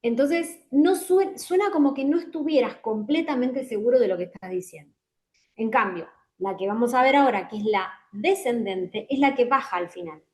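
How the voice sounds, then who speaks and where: A woman, a guest on the show, calmly teaching job interview communication with frequent fillers and worked examples. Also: on the high side, moderate pace. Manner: didactic, hesitant fillers, gives spoken examples. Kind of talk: explanatory interview talk.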